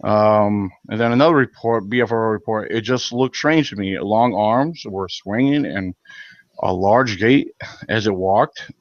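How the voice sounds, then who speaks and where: A man's voice: on the low side, measured pace, no echo, highs cut off. A man hosting a live stream, reading viewer comments aloud and giving blunt, heated opinions, with many fillers and restarts. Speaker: channel host reading live chat.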